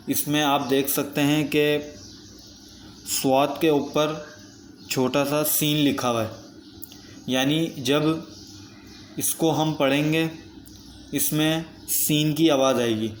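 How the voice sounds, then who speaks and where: A man gives a methodical recitation lesson, his speech flat and level as he restates each rule with patience. His voice sounds roomy and echoey, and a faint hiss sits behind it. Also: mid-range voice. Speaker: Quran recitation teacher. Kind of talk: step-by-step tajweed lesson. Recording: echoey room with faint background noise.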